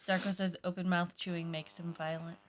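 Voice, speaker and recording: A woman's voice: lowish voice, level tone, fairly quick, a little hiss or hum. A woman co-hosting a live stream, casually reading chat comments aloud and teasing her co-host.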